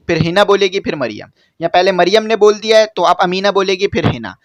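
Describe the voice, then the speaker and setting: A man's voice: high voice, muffled recording. A man explaining English exercises to students, repeating each point and checking that they follow. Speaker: English teacher. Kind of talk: classroom-style lesson explanation.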